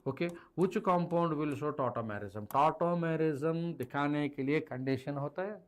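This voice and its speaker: A man's voice: fairly high pitch, racing. A middle-aged man with an Indian accent teaches an online lesson at a board, switching between languages and addressing his students directly. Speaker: chemistry teacher. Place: indoor teaching studio with a digital board. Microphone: clip-on lapel mic.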